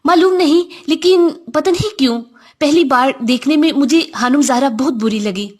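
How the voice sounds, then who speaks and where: A woman reading a first-person story aloud in a reflective, confiding manner. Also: high-pitched.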